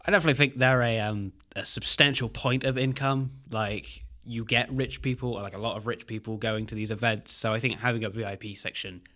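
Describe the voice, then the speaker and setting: A young man answering questions in a casual podcast chat, measured and thoughtful. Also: mid-range voice, fairly even intonation, pushed and bright. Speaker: podcast co-host. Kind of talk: casual discussion.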